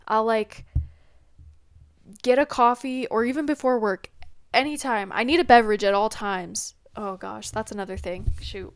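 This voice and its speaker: A young woman with a somewhat high voice hosts her first podcast from her laptop's built-in mic, rambling in a scattered, self-deprecating vlog style. Her nose is stuffed and congested, yet the sound is studio quality with no room sound.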